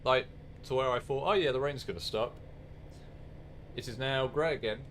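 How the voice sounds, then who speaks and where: A man's voice: medium pitch, moderate pace, a bit bright, slight background noise. A man casually commenting on a train game live to viewers, chatty, swearing and poking fun at himself. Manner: chatty, swears, self-mocking, talks to viewers. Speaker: game streamer.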